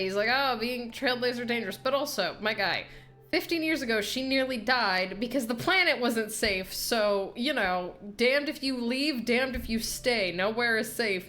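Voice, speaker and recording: A woman's voice: medium pitch, a bit bright. A woman game streamer giving casual, irreverent commentary with a wry, sweary way of talking.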